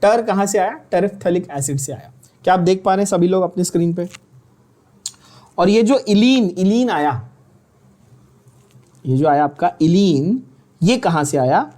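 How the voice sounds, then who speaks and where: A man's voice: sits high, animated, a little slow, pauses often, dark tone. A man with an Indian accent giving an online chemistry lecture, often asking students questions and repeating key terms with teasing scolding. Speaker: chemistry teacher.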